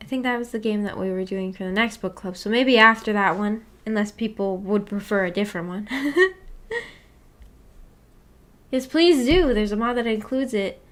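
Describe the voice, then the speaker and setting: Reading viewer comments on her visual novel book club livestream, the host rambles and giggles and makes self-deprecating remarks. Her mid-range voice is a bit bright and moves at normal speed.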